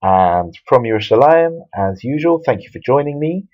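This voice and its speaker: A man's voice: medium pitch, big pitch swings, moderate pace, lo-fi sound. A man teaching Hebrew letters from a Bible verse in a video lesson, explaining patiently with fillers and restarts. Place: Jerusalem.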